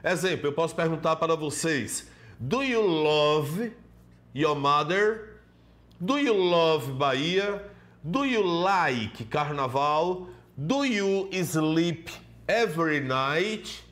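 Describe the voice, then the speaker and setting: A man's voice: a little high, animated, drawn-out words, a bit bright. A man teaching an English lesson in Portuguese with a Brazilian accent, explaining step by step and greeting students by name. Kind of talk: televised classroom lesson.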